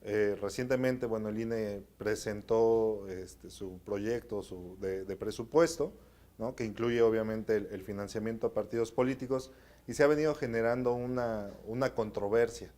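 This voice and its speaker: A man with a fairly low voice hosts a formal interview. He reads the introduction smoothly, then asks questions with small restarts. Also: normal speed, mellow. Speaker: interview host. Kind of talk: hosting an institutional interview.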